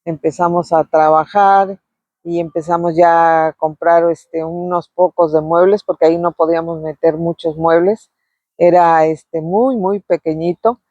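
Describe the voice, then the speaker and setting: A middle-aged woman, fondly telling memories of her youth in a casual, unhurried way, pausing often on filler words. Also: on the low side, steady tone, mellow, dry recording, muffled recording. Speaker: vlogger sharing memories. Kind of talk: casual reminiscing storytelling.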